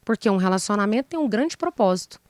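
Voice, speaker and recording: A woman's voice: medium pitch, expressive, fast talker, darkish tone, no echo. A woman psychologist, explaining relationship advice in an interview with rhetorical questions and acted-out example lines. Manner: didactic, acts out example dialogues, rhetorical questions. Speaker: psychologist guest.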